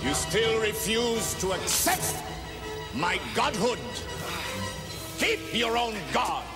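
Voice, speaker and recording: An actor playing a megalomaniac dictator in an action movie, declaiming in a hammy, grandiose way. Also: male voice, high-pitched, sing-song, slow pace, exaggerated voice. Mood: menacing. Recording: film clip with loud music.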